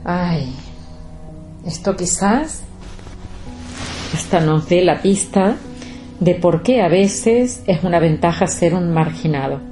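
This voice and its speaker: A woman, hosting a reflective podcast and speaking slowly and deliberately straight to her listeners. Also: on the low side, animated, mellow, soft background music. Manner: slow, deliberate, addresses listeners directly. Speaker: podcast host.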